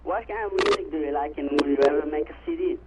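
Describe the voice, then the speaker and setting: A male caller from Israel asking questions in a hesitant, halting way. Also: fairly high pitch, a loud crowd. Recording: muffled lo-fi phone line with noise.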